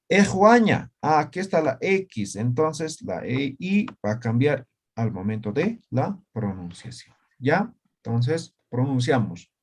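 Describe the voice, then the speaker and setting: A man's voice: mid-range voice, a little mellow, husky. A man teaching an online Aymara writing class, explaining step by step and checking in with students by asking "right?". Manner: patient, explains step by step with frequent tag questions.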